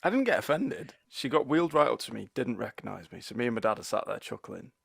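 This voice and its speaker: A man's voice: mid-range voice, very animated, fast talker, gravelly, slightly rough, no room sound, studio quality. A young man, telling a funny family story with wry laughs on a casual podcast. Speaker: podcast co-host.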